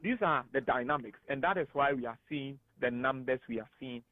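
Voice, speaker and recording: A man with a Ghanaian English accent, speaking as a guest analyst on a radio talk show, animated and emphatic. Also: mid-range voice, a little fast, dry recording. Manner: animated and emphatic, laughs often. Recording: tinny phone-like radio studio sound.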